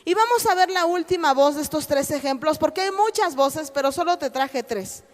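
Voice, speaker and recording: Woman pastor, high voice, emphatic sermon delivery, reverberant church hall. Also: expressive, moderate pace. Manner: emphatic preaching, acts out God's encouraging voice loudly.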